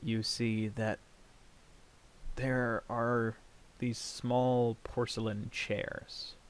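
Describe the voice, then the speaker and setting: A man narrating an improvised tabletop game as game master, in a measured, hesitant way. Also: mid-range voice, flat delivery, smooth.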